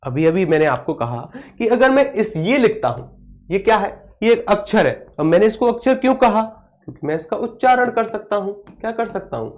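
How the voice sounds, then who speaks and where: A man's voice: sits high, very animated, brisk, a little mellow. Male teacher, live online lecture, drills points with question and answer, answers viewer comments. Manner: repeats questions and answers them himself. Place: online live class, studio.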